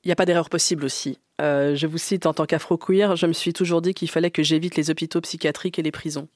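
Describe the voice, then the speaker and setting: Intervieweur homme, posé, voix un peu haute, son sec. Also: male voice, a little high, fairly even intonation, no echo, clean studio sound. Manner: measured, reads quotes, brief acknowledgements. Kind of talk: radio interview.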